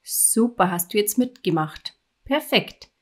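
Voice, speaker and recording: Slow, clearly spoken teacher woman. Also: medium pitch, lively intonation. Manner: slow, clearly articulated dictation with encouraging praise. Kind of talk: dictation lesson for children.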